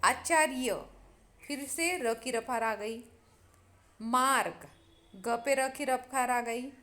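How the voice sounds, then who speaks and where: Slow, syllable-by-syllable woman teacher. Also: a little high, a bit bright. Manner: slow, spells out syllables one by one; addresses students directly, dictating. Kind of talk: Hindi grammar lesson.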